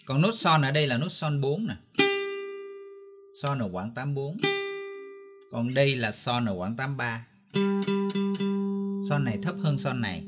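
A man from Vietnam teaching a guitar lesson step by step, patiently counting beats and calling out note names. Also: mid-range voice. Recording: guitar playing in the background.

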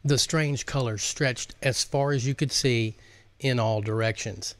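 A man in his fifties with a medium-pitched voice talks a little slowly on a live stream, in a dry recording. As an author, he chats informally and reads his audiobook aloud, close up in an indoor studio with a virtual backdrop and a large microphone on a stand before him.

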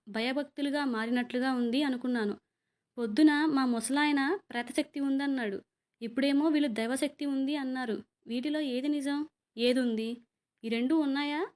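High-voiced woman narrating a horror tale. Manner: vivid, exclamatory first-person telling. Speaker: storyteller. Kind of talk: dramatic horror story narration.

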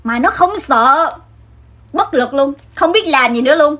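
A young woman, telling a comic childhood story in an animated, dramatic way. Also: sits high, measured pace. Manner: animated and dramatic, acts out scenes. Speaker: vlogger.

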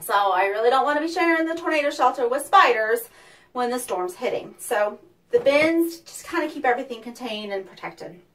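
A woman's voice: fairly high pitch, animated, fairly quick, a bit bright. Woman with a hollow cave echo. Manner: practical, instructive, chatty with fillers. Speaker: safety presenter for a weather company. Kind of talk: casual how-to demonstration. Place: small underground tornado shelter. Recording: distant mic, cave echo, faint noise.

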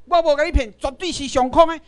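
A man's voice: very high-pitched, fast talker. A man with a Taiwanese accent gives a political lecture to a class, firing rhetorical questions and asking the audience to raise hands.

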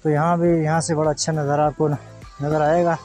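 A young man from Pakistan with a rather high voice talks chattily to his viewers while filming a travel vlog on a phone at arm's length. He stands outdoors by a mountain waterfall, and clear background music plays under his voice. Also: little pitch movement, fairly quick, a little mellow. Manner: chatty, touristy, addressing viewers directly. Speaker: travel vlogger. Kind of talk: casual travel vlog narration.

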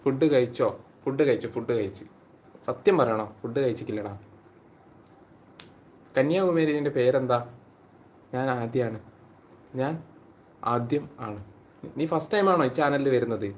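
A man's voice: mid-range voice, moderate pace, pauses often, slight background noise. A man, hosting a casual live stream on his phone and chatting with viewers by name. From Kerala, India. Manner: chatty, greets viewers by name and reads their comments aloud.

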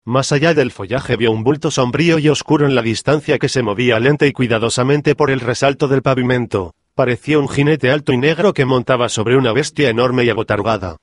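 A man reading a comic parody audiobook in an even, measured scripted narration. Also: mid-range voice, no echo, studio quality.

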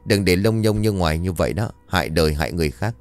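A man voicing a brash young man who bluffs and panics, yelping high and fast in a storytelling reading. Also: soft background music, lightly acted. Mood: angry.

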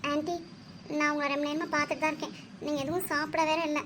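Woman playing young woman, earnest, persuasive, fast-talking, high-pitched. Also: level tone, fairly bright tone, slight background noise. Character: earnest young woman consoling an older mother. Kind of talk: cartoon dub acting.

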